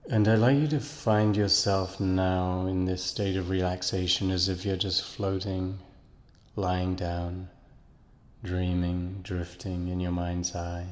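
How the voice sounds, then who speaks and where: A man guiding a listener through a slow, soothing hypnosis relaxation, counting down and repeating calming phrases. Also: sits low, long reverb tail. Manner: slow, soothing, repetitive induction. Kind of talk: guided hypnosis relaxation script.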